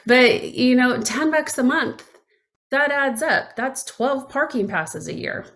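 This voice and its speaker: A woman's voice: high-pitched, expressive, slow pace. A middle-aged woman, a foundation founder, speaking earnestly and from the heart as an interview guest. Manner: earnest, heartfelt, warm appeals. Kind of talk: conversational interview.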